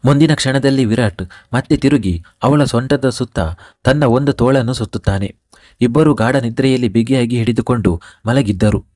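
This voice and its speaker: A man giving a steady scripted narration of a romantic drama story. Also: mid-range voice, normal speed, no echo, clean studio sound.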